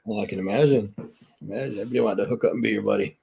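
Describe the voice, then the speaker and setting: Low gravelly man reacting briefly. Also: racing, dark tone, echoey room, low-quality recording. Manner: short reactions and backchannels. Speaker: interview host. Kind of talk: casual interview.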